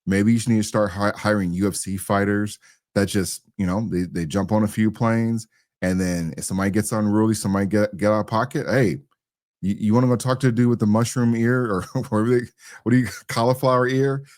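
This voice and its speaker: A man's voice: lowish voice, steady tone, brisk, darkish tone, no room sound, studio quality. A man giving casual, opinionated commentary as a co-host, slangy and rambling, often repeating his phrases. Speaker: talk show co-host.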